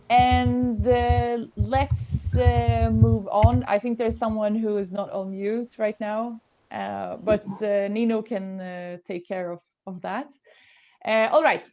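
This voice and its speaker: A woman's voice: medium pitch, a little mellow, lo-fi sound. A woman hosting a webinar over a video call, with many fillers and restarts as she explains the schedule. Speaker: event host.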